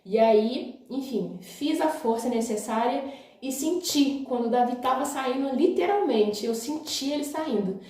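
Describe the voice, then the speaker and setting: A woman's voice: high-pitched, lively intonation, unhurried, a little mellow. A young woman with a Brazilian accent, telling her own story to viewers in a chatty, casual way. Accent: Brazilian Portuguese. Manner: chatty, often says "gente" and "né", laughs along. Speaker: vlogger. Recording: very echoey room.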